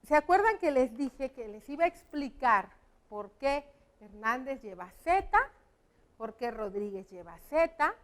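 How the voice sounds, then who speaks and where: A woman teaches young pupils. Her voice sits high and she talks at a slow, deliberate pace. She explains each point patiently and clearly. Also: expressive. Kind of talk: classroom lesson for children.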